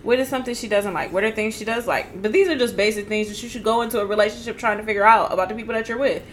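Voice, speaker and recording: A woman's voice: on the high side, steady tone, racing, slight background noise. A woman co-hosting a casual podcast chat, talking bluntly and ranting with laughter. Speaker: podcast co-host.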